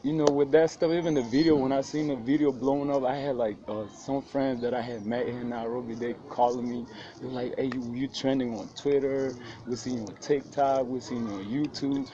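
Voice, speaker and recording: A laid-back man from South Sudan talks casually as an interview guest, sprinkling in street slang fillers. His voice is medium-pitched, fairly even and brisk. The recording is muffled with faint background noise.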